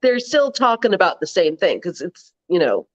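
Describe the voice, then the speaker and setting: A woman's voice: lowish voice, very animated, moderate pace, muffled recording. A woman co-hosting a casual podcast chat, talking conversationally with many fillers. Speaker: co-host.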